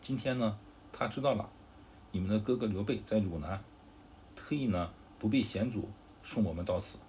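A gentle noblewoman calms an angry relative with soothing, reassuring words, as a man puts her on. The voice barely moves away from the teller's own low tone. A faint hiss sits behind it. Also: normal speed, lightly acted. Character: gentle noblewoman, older sister-in-law.

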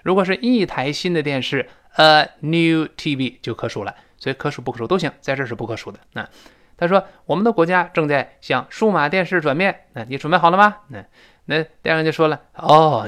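A man teaching spoken English, explaining phrases in a lively way and reading English lines slowly and clearly. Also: on the high side.

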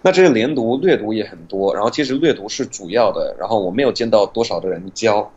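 Husky low-voiced man, patient teacher explaining pronunciation, dull lo-fi recording. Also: expressive, darkish tone. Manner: patient, demonstrates sounds slowly.

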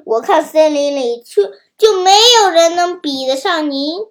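A woman's voice: high-pitched, a little slow. A woman doing a sly, wheedling fox. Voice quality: sweet, wheedling flattery. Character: sly greedy flattering fox. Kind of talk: children's storybook reading.

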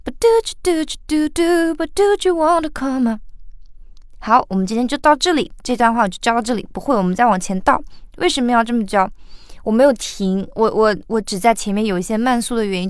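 A woman's voice: fairly high pitch, smooth, no room sound, clean studio sound. A woman teaching how to sing a song, patiently breaking lines apart and explaining the sounds. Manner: patient, sings example lines slowly then explains. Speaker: singing teacher. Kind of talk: song pronunciation lesson.

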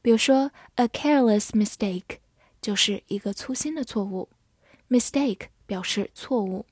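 Slow, husky woman teaching vocabulary. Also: on the high side, darkish tone, no echo, studio quality. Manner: spells words letter by letter and reads example sentences slowly. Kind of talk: scripted vocabulary lesson.

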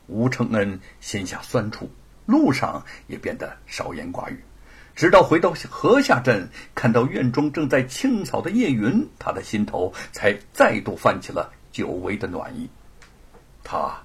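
A man narrating a scripted story in an expressive, dramatic way. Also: a little high, husky.

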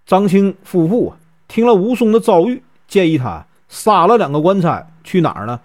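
Male storyteller, Northeastern Mandarin accent, chatty and animated. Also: high voice. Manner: chatty, with many drawn-out fillers. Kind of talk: casual storytelling.

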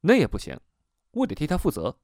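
A cold young woman who speaks firm and clipped, as a man narrating a storybook puts her on. The read moves freely in pitch, and the close recording is dry. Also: wildly swooping pitch, brisk, darkish tone, no room sound, exaggerated voice.

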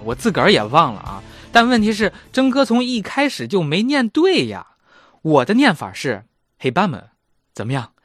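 A man's voice: on the high side, fairly bright tone. A man in his thirties hosting a casual language lesson, chatty and self-mocking. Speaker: German language teacher and host.

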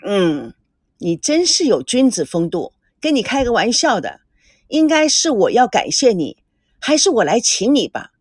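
A woman's voice: on the high side, sing-song, normal speed, breathy edge, no echo, clean studio sound. A woman voicing a charming, playful young businesswoman.

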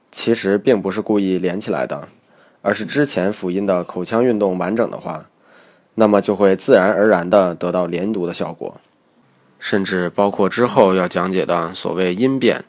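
A man's voice: low voice, dry recording. A man teaching English pronunciation in a recorded lesson, explaining each point in a methodical way.

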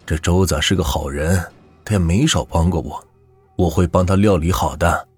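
A man voicing an old village ceremony master who gives grave, slow advice. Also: sits low, husky, no echo, soft background music. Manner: solemn, slow, advising.

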